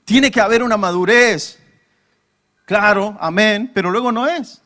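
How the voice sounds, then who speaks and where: A man preaching a sermon as pastor in a church service, his voice sitting fairly high for a man. He speaks emphatically, throwing rhetorical questions at the congregation and lifting his voice when he acts out pleas to God. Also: a little slow, sharp tone. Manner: acts out quoted pleas in a raised voice.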